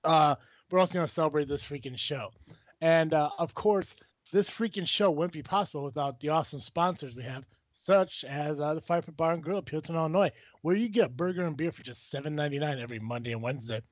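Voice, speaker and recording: A man hosting a casual podcast, talking excitedly and rambling with many restarts and fillers. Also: a little high, a little fast, no echo, muffled recording. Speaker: podcast host.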